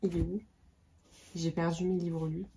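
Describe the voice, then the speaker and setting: A woman's voice: on the low side, level tone, unhurried, dark tone, slight background noise. A woman in her forties chatting casually about books on her vlog, hesitant with many fillers and restarts. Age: 40s. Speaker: book vlogger. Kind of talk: casual book vlog chat.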